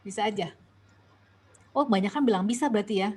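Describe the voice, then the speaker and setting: A woman's voice: mid-range voice, fairly quick, a little mellow, slightly rough. A young woman with an Indonesian accent guides a Bible study. She questions the group, reads scripture aloud and restarts her sentences often. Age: young adult. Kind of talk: online Bible study discussion.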